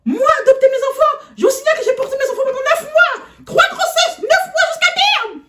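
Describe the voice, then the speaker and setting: A woman voicing an indignant, shrill middle-aged female teacher who shrieks in haughty outrage. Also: animated, brisk, very noisy. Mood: outraged. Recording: echoey room.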